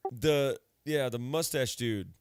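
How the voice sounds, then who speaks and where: A man's voice: medium pitch, slow pace, smooth, no echo, studio quality. A man hosting a casual chat with a friend, laughing often and breaking into cartoon voice impressions. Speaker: gaming channel host.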